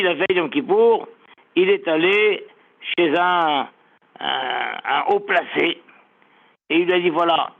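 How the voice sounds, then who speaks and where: A man teaching a Torah lesson as a rabbi, telling stories and repeating his key phrases with emphasis. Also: sits high. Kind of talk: sermon-style Torah lesson. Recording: tinny phone-like audio.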